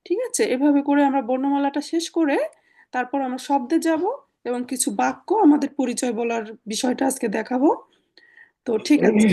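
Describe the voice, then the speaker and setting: A woman leads an online language class, explaining slowly with frequent fillers. Her voice sits high but sounds mellow and soft. She is heard through a video call. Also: steady tone. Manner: patient, explaining step by step with many fillers. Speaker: German language teacher.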